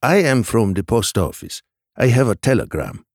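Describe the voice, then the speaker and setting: A man's voice: on the low side, big pitch swings, moderate pace, a little mellow, no echo, studio quality, pitched above the performer's own voice. A man voicing a polite young post office messenger with a formal, courteous manner.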